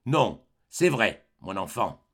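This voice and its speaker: A man reading aloud, voicing a broken middle-aged mother who speaks low, slow and grave. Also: sing-song, vocal fry, breathy edge, exaggerated voice. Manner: low, quiet and heavy, with slow grave phrasing.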